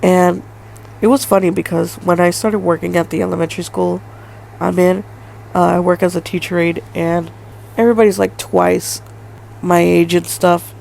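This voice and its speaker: A woman's voice: on the low side, steady tone, moderate pace, creaky, darkish tone, slight background noise, low-quality recording. A woman in her twenties hosting a solo podcast, talking in a rambling way with lots of fillers and hedges. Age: 20s. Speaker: podcast host. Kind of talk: casual solo podcast monologue.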